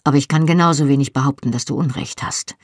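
A reader voicing a proud, gruff husband who speaks curtly. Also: male voice, medium pitch, quick pace, dry recording, clean studio sound, lightly acted. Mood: dryly amused. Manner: gruff, curt.

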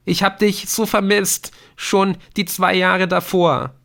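A man's voice: mid-range voice, lively intonation, a little slow, a bit bright, pitched above the performer's own voice. A man voicing a grieving young son who speaks in a raw, accusing, pleading way in an audiobook.

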